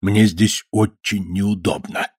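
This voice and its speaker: A man voicing a middle-aged farmer father who speaks in a low, grumbling, gruff way. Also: steady tone, takes it slowly, no room sound, studio quality.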